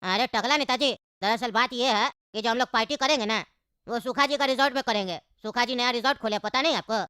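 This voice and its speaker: A woman's voice: fairly high pitch, fairly quick, sharp tone, smooth, dry recording, clean studio sound. A woman voicing a persuasive male party organizer in a cartoon. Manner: persuasive, coaxing. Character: smooth-talking male party planner. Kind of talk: cartoon voice acting.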